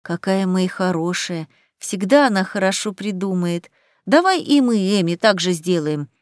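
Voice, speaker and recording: A woman reading aloud, voicing a gentle, shy teenage girl who speaks softly and earnestly. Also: mid-range voice, animated, moderate pace, dry recording, clean studio sound, close to an everyday voice. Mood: eager, earnest.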